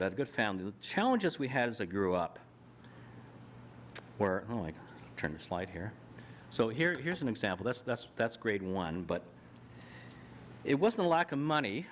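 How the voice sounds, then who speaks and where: An older man from Canada, sitting on a panel in an audience-filled hall, walks through his slides in a plainspoken personal talk with frequent restarts. His voice sits on the low side, and a faint hiss or hum runs underneath.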